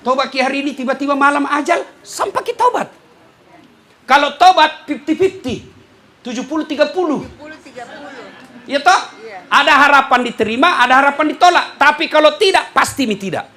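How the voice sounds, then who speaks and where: A man preaching a humorous sermon, acting out dialogues and swinging between shouting and soft asides. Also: very high-pitched, animated, brisk, long pauses. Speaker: Islamic preacher. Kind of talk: lively sermon to a crowd. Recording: crowd and faint noise behind.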